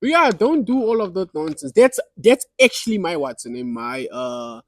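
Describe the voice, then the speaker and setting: A young man telling a comic story in casual, halting chat, getting heated. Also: high voice, big pitch swings, no echo. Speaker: podcast guest and comedian.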